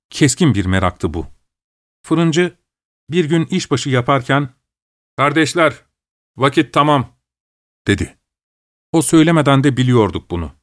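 A man narrating a novel in a steady, measured audiobook style. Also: mid-range voice, no echo, studio quality.

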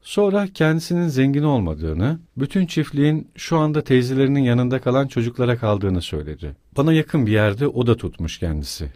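A man's voice: mid-range voice, sing-song, fairly quick, few pauses, darkish tone, no echo, clean studio sound, lightly acted. A man reading the lines of a brooding young man who speaks tersely.

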